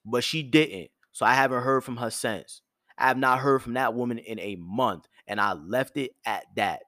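A man hosting his own show, giving blunt, profane dating advice in a firm yet soft tone, with features. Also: mid-range voice, normal speed, dry recording, studio quality. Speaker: host. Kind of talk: direct advice monologue.

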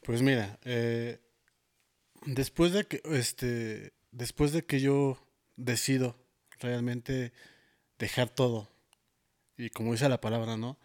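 A man's voice: mid-range voice, takes it slowly, long pauses. A man with a Mexican Spanish accent, a guest in a casual interview, telling his testimony with many fillers and quoted dialogue. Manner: storytelling, quotes himself and others, many fillers. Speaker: interview guest, worship musician.

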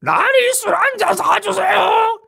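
A man voicing a disguised beggar whose voice is ruined, in a strained, high, drawn-out cry. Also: full character voice. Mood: rasping. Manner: strained shouting falsetto, drawn-out. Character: disfigured beggar man with ruined, charcoal-burnt voice.

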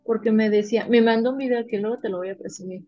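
A woman with a Mexican accent, a veterinarian guest in an interview, telling her stories in an animated, emotional way. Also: fairly high pitch, quick pace, lo-fi sound, faint music behind. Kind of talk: casual interview storytelling.

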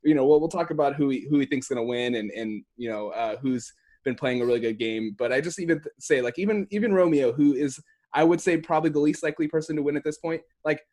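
A man's voice: on the high side, a little mellow. Casual, rambling male podcast host. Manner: halting, rambling, laid-back phrasing full of hedges and self-corrections.

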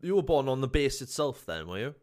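A man's voice: medium pitch, big pitch swings, fairly quick, darkish tone. A young man with a South Welsh accent hosts a casual podcast interview. He sounds upbeat and chatty, and he often repeats himself and drops fillers as he goes. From South Wales. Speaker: podcast host.

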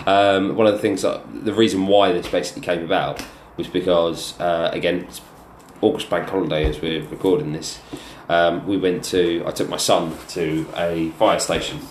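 Low-voiced man hosting, echoey. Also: steady tone, normal speed, few pauses. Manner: hesitant, sweary. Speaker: podcast host. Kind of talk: casual banter. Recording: echoey room with faint noise.

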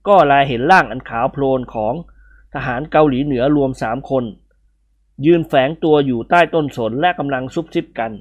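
A reader narrating a comic adventure novel aloud with expressive storytelling. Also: medium pitch, moderate pace, dull audio. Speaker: audiobook reader.

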